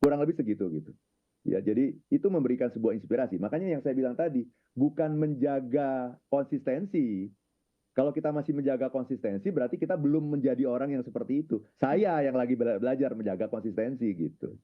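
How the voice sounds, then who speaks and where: A man calmly telling a personal story, ending phrases with filler tags, in an unhurried, reflective way. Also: mid-range voice. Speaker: guest speaker on his own channel. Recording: narrow phone-like sound.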